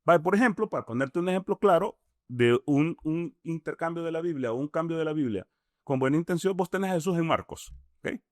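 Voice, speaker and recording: A Salvadoran-accented man with a fairly high voice talks through his points in a relaxed, conversational way. He builds each argument step by step, poses rhetorical questions and keeps checking in with a quick "mm?". The sound is close and dry, with no room echo. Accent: Salvadoran Spanish. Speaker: imam, interview guest. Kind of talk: conversational explanation.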